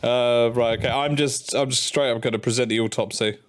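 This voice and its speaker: A man's voice: medium pitch, steady tone, brisk. A man hosting a let's play in casual, jokey, sweary banter. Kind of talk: casual gaming banter with dramatic dialogue reading.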